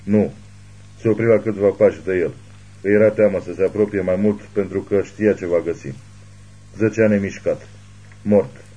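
A man narrating a thriller audiobook in a steady, grave reading. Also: deep voice, slightly rough, lo-fi sound.

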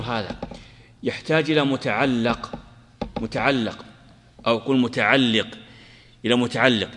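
A man teaching a classical grammar lesson, asking his students questions, answering them himself, and slowly repeating his examples. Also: medium pitch, a bit bright, long reverb tail. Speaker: Islamic scholar teaching grammar.

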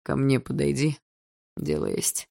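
A woman reads as a domineering teenage schoolboy, very low and gravelly, snapping short, cold commands. He sounds menacing and fully in control, like a storybook bully whose classmates don't dare argue. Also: big pitch swings, measured pace, warm tone, exaggerated voice. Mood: commanding. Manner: curt, menacing orders.

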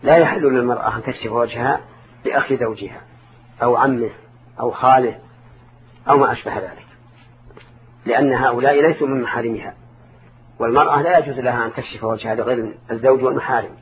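An older Islamic scholar answers listeners' questions, giving religious counsel in formal Arabic. His mid-range voice has fairly even intonation; he talks fast but pauses often, teaching didactically and repeating and rephrasing for emphasis. The recording is a narrow, phone-like band with clear background noise.

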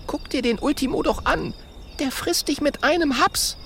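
A man's voice: very high voice, moderate pace, fairly bright tone, a little hiss or hum, voice pushed up. A man voicing a worried, sensible young female animal character in a storybook.

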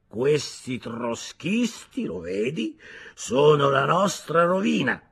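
Drunk bullying brigade boss read by a man, gravelly, high shouting, slow drawling, audiobook. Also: expressive, full character voice. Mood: sententious. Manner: mocking, shouting, laughing, slow and sententious.

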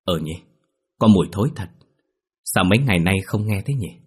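A man voicing a bewildered middle-aged mother who scolds and panics, in a low, husky voice. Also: animated, moderate pace. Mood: frightened.

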